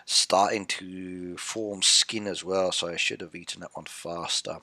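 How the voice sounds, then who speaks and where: A middle-aged man with a low, steady voice speaks slowly in a pushed, bright tone, captured dry through a headset and desk mic. He's chatting casually on a game live stream, playfully reading chat aloud, answering it, and teasing his viewers.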